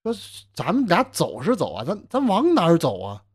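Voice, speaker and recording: A man voicing a jumpy, blustering scholar who stammers loudly and demands answers. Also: on the high side, huge pitch swings, moderate pace, breathy edge, heavily acted. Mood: puzzled. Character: blustering, jumpy male scholar Chai Wentong.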